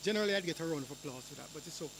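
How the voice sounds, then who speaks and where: High-voiced man giving a speech. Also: lively intonation, vocal fry, a bit bright, a little hiss or hum, low-quality recording. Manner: measured, rhetorical, with dry humor. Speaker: university professor giving a speech. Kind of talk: formal prepared speech. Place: lecture hall or forum room.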